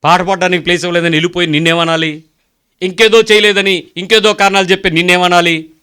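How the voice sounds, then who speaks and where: A man's voice: high-pitched, fairly even intonation, fast, sharp tone, clear, resonant tone. A man preaching a sermon, emphatic and full of rhetorical questions, acting out prayers and conversations. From India.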